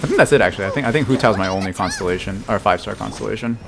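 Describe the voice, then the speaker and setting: Racing along in a lowish, creaky voice with lively intonation, this American streamer in his thirties keeps up casual commentary and replies to chat with frequent laughter. Music plays in the background.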